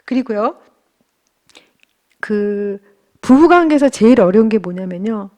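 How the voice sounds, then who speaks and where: A woman giving a church marriage-class lecture, speaking gently and acting out kind example phrases for husbands. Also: mid-range voice, lively intonation, unhurried.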